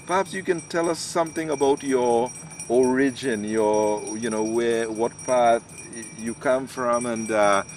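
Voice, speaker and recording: A man hosting an interview, asking questions in a measured way with hesitant restarts. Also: medium pitch, soft background music. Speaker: host. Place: outdoors, in hills. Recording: noisy outdoor recording.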